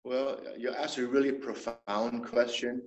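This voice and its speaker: Heard with a roomy echo, dull audio and a little hiss or hum, this man in his seventies talks at a medium pitch in a level tone. He is a traditional medicine doctor being interviewed, giving measured explanations and frequently beginning his sentences again.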